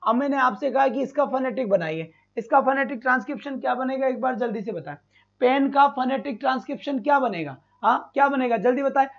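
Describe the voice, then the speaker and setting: A male teacher runs a live online exam-prep class, calling students "beta" and repeating sounds slowly. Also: very high-pitched, gravelly. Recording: dull lo-fi stream.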